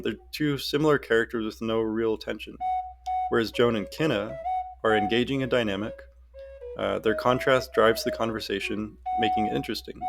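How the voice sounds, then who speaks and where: Guy teaching storytelling, gravelly voice, some uhs, flute music behind. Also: medium pitch. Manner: explanatory, with some fillers. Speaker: writing instructor. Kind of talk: video lesson on storytelling.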